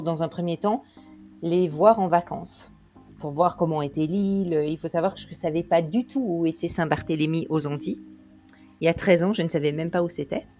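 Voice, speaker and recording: Woman guest, low, mellow voice, unhurried chat. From Belgium. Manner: relaxed, hesitant, with many fillers. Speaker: interview guest. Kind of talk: casual storytelling.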